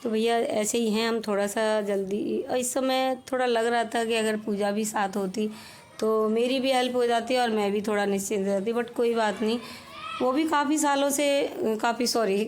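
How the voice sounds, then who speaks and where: A middle-aged woman with a slightly sore throat speaks at fairly high pitch, steady and at normal speed, with a darkish tone. Chatty and homely, this home vlogger explains what she's doing as she narrates her cooking and cleaning footage.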